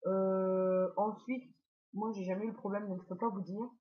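A woman's voice: mid-range voice, fairly even intonation, normal speed. Woman talking you through a tutorial, lots of euh and hein, kinda dull muffled sound. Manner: chatty, many fillers and asides. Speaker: YouTube tutorial host. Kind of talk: casual screen-walkthrough tutorial.

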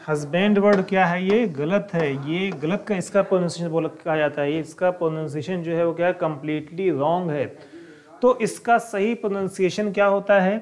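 A man's voice: sits high, a little hiss or hum. A man teaching a lesson on English words, repeating himself and asking the class questions he answers himself. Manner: repetitive, asks rhetorical questions and answers them.

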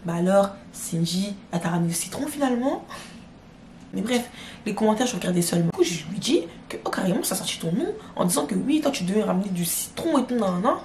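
Talking at a quick pace with a medium pitch, a young vlogger dishes on some drama directly to her viewers in a casual, slangy, animated way. There's a roomy echo and a slight hiss or hum.

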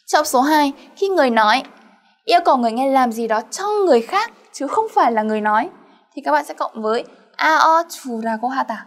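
Quick, high-voiced woman teaching grammar. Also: animated. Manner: explains step by step, checks with frequent questions to students. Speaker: Korean language teacher. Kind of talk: grammar lesson.

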